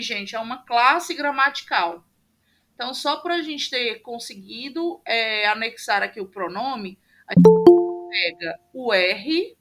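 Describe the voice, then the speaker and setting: A woman's voice: fairly high pitch, pushed and bright. A woman teaching a class over a video call, explaining step by step with patient fillers. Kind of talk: online class lecture. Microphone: computer mic on a video call.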